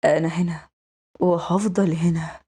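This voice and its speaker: A woman doing a low, curt Egyptian mafia boss. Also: steady tone, measured pace, dark tone, slightly rough. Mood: cold. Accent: Egyptian Arabic. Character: cold, protective adult male mafia boss.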